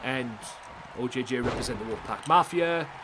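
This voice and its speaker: A young man doing excitable, swearing live-stream commentary over a game, talking straight to his chat viewers. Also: medium pitch, moderate pace, background noise.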